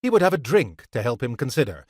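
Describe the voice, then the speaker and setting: A man reading a crime short story aloud in a measured, unhurried way for a podcast. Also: medium pitch, very animated, dry recording, clean studio sound. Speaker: podcast reader of short stories.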